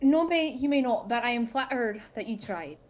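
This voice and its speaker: A woman's voice: fairly high pitch, moderate pace. Dry-witted woman playing a tabletop game. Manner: dry, deadpan quips. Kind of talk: casual chat.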